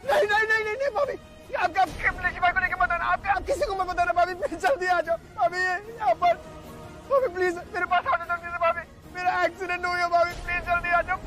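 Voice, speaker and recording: A very high-voiced young Indian man, in a TV melodrama, distraught and close to tears. He stammers and begs over and over, while dramatic music and outdoor bustle run behind him. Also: completely flat delivery, measured pace, over a noisy crowd. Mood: panicked pleading. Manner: stammering, repetitive begging. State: distraught, tearful. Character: panicked young man pleading for his sister-in-law's help. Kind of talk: melodramatic TV soap acting.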